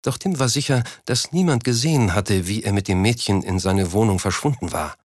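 Casting: male narrator, low voice, steady and measured, dry close sound. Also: dry recording. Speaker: audiobook narrator. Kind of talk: scripted narration.

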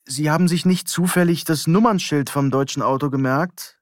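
A man reading an audiobook, voicing a dazed, injured man who speaks slowly and befuddled. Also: a little high, dry recording, studio quality, voice pushed up, natural voice. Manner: slow, drawn-out, befuddled. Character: dazed, injured man just knocked off his bike.

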